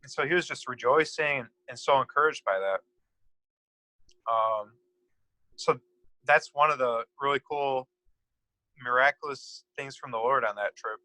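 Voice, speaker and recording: A man's voice: medium pitch, measured pace, pauses often, pushed and bright, no echo, rough recording. A man as an interview guest, telling a personal story in a rambling way with many "so anyways" and "um" fillers.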